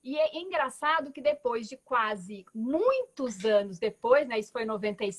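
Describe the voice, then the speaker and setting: Very animated and on the high side, at normal speed, a woman in her forties from Belo Horizonte, Brazil, speaks with a Minas Gerais Portuguese accent. She thoughtfully tells her story as a guest artist on a video call, in reflective conversation marked by tag words and restarts.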